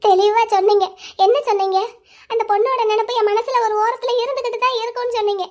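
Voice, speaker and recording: A woman voicing a hurt young wife in a cartoon drama, crying and accusing her husband loudly. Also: extremely high pitch, fairly even intonation, fast talker. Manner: loud, accusing, bitter. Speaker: voice actor.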